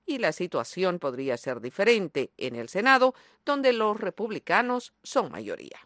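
A woman's voice: lowish voice, big pitch swings, normal speed, fairly bright tone. A woman presenting scripted news as a radio host, with a formal announcer delivery in an AM radio style.

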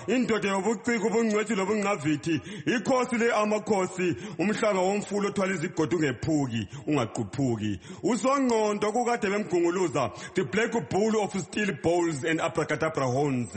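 A man's voice: sits high, lively intonation, brisk. A man reciting a praise poem in a rhythmic, declamatory chant. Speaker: praise poet.

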